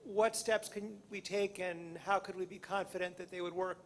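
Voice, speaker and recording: A man's voice: high-pitched, steady tone, normal speed, fairly bright tone, slight background noise. A man in the audience asking a question in a hesitant, careful way. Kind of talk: lecture Q&A question.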